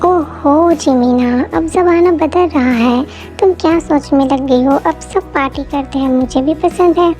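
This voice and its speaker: Headstrong party girl, voiced by a woman, self-assured, high-pitched, amateur dubbed story. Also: measured pace, darkish tone, soft background music. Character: stubborn party-loving young woman.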